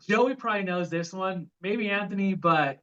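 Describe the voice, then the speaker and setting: A man's voice: high-pitched, normal speed, a bit bright, clean tone. A man in a band answering interview questions casually and a bit hesitantly. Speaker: band member being interviewed. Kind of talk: casual chat. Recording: dull lo-fi sound.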